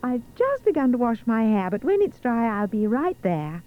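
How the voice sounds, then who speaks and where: Posh storybook young lady, high, animated, gushing, sweetly condescending, thin phone-like sound. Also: moderate pace. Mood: sweetly confident. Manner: gushing, upper-crust.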